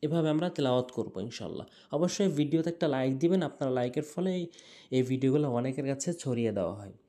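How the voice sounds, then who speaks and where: A man teaching correct Quran pronunciation, chanting verses in long drawn-out tones between spoken explanations and repeated demonstrations. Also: medium pitch, dark tone.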